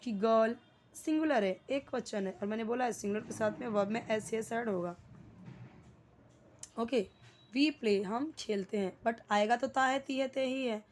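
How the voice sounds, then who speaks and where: A young woman with an Indian English accent, teaching an English grammar lesson. She explains slowly, asks the class questions and repeats key words. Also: on the high side, a little mellow, slight background noise.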